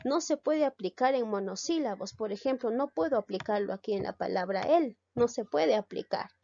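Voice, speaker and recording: A woman's voice: on the high side, a little mellow, no room sound. A woman teacher giving a recorded class, explaining step by step and asking and answering her own questions. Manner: checks understanding with a short tag question. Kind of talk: recorded online class lesson. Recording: dull lo-fi dry recording.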